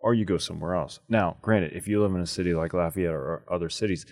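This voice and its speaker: A man's voice: sits low, steady tone, quick pace, a little mellow, dry recording, studio quality. A middle-aged man talking with braces in his mouth, hosting a show with casual chat and anecdotes. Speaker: podcast and radio show host.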